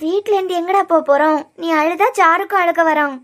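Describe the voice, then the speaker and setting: A woman with a Kanyakumari Tamil accent voicing a gentle young woman who soothes and coaxes a crying little girl in a cartoon serial. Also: very high-pitched, brisk. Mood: soothing. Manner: soothing, coaxing, tender.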